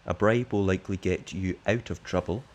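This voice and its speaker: A man's voice: sits low, normal speed, a little mellow, close to an everyday voice. A man voicing a shady smuggler boss who offers a secret job, read plainly from the game text.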